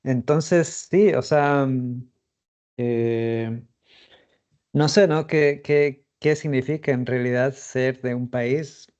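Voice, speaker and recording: A man's voice: mid-range voice, slow, a little mellow. A man from Ecuador with an Ecuadorian accent, chatting casually on a podcast in a reflective, hesitant way. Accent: Ecuadorian Spanish. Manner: reflective, hesitant, thinking aloud. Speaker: podcast co-host. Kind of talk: casual conversation. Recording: slightly dull lo-fi audio.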